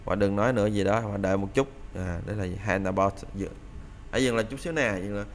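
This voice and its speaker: A man's voice: fairly low pitch, fast, slight background noise. A man teaching English phrasal verbs in a casual lesson, explaining in Vietnamese and often repeating the phrases aloud.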